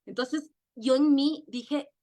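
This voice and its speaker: A middle-aged woman with an Ecuadorian accent telling her personal story in an emotional, earnest way, often halting and repeating words. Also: sits high, darkish tone. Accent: Ecuadorian Spanish. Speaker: network marketing leader. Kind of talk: personal testimony.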